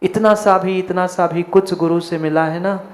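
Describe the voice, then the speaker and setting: A man's voice: high-pitched, fairly even intonation, moderate pace. A man, a monk, preaching a sermon, repeating his phrases for emphasis and speaking straight to his listeners.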